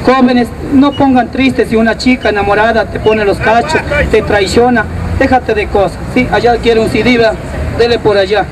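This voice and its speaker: A man's voice: very high-pitched, steady tone, moderate pace. A man with an Ecuadorian accent doing a crude, rowdy street comedy routine outdoors, calling his audience "brother". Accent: Ecuadorian Spanish. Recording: distant mic, loud crowd and street noise.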